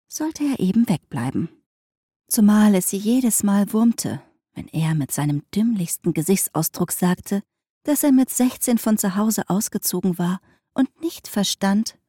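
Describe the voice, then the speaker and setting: A woman narrating a novel in an even, measured way. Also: mid-range voice, breathy edge, dry recording, studio quality. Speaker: audiobook narrator.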